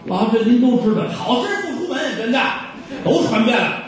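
A jittery young dandy fawns and hesitates before a judge, as a male storyteller puts him on, in a lower voice than the others. The voice carries a lot of echo. It sounds as if it was recorded from far away. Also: fairly quick. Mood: fawning. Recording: very echoey hall from far off.

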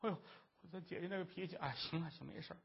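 A storyteller voicing a kind younger brother, a convict under escort, gently coaxing his brother, on a dull lo-fi recording. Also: high voice, fast talker, creaky, husky, full character voice. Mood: gentle.

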